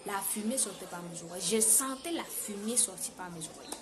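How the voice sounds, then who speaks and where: Woman vlogger, Cameroonian French accent, lively casual storytelling, mid pitch, noisy recording. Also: fairly quick. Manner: animated, repeats words for emphasis. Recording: noisy background hiss.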